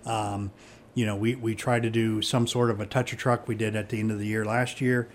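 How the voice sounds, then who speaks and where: A man's voice: on the low side, flat delivery, brisk, a little hiss or hum. A middle-aged man, a police chief, chatting casually and rambling with many fillers and restarts. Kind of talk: casual conversation.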